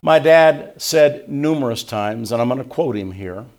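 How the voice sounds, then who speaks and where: An older male pastor delivers a sermon in a gravelly voice, his pitch sitting in the middle range for a man. He preaches with emphatic pushes that drop into quiet, hushed asides, and he quotes scripture in old-fashioned wording. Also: expressive, a little slow. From Tennessee, USA.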